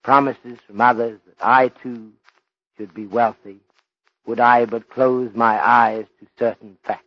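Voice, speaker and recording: Philosophical Chinese detective: ornate, measured phrasing, mid-pitched, muffled old radio-play recording. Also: male voice, flat delivery, no echo. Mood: solemn, torn. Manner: formal, deliberate, ornate speech dropping articles. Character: courteous, stern, philosophical Chinese police detective. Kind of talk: old radio drama acting.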